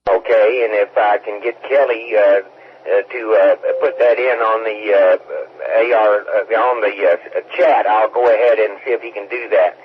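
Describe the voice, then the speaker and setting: Net control man, mid-pitched, orderly, phone-thin radio with faint hiss. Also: a little slow. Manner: orderly, relaxed, filler-heavy. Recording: tinny radio with faint static.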